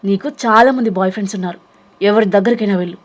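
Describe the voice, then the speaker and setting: A woman voicing a hard-hearted middle-aged mother who scolds and shouts in an audio novel reading. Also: mid-range voice, rapid-fire, lightly acted. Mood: shouting. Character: cruel harsh stepmother, middle-aged, hateful.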